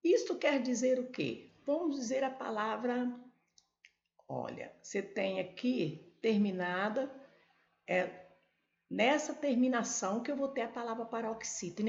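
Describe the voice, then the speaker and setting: A woman's voice: a little high, lively intonation, vocal fry, darkish tone, reverberant, dull audio. A Brazilian woman teaching a Portuguese grammar lesson for exam prep, explaining step by step and talking straight to her viewers. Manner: slow, explanatory, addresses viewers directly.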